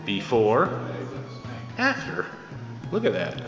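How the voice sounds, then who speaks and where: Holding his camera at arm's length, a man in his forties vlogs from a film set inside a bowling alley, chatting upbeat about what's happening behind the scenes and often saying "pretty cool." His mid-range voice swoops wildly in pitch and moves slowly, with lo-fi sound and music in the background.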